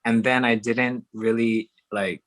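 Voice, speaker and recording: A young man from Hawaii, a drag performer and podcast guest, chatting casually and warmly and laughing often. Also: mid-range voice, fairly even intonation, slow pace, no room sound. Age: young adult. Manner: chatty, warm, laughs often between phrases. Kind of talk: casual chat.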